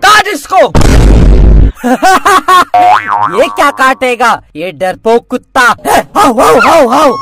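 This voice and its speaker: A man shouting through a slapstick comedy sketch, swinging between a bellowing voice and mock sobbing. His pitch jumps around a lot, and loud music plays under him the whole time. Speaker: comedy sketch performer voicing several characters.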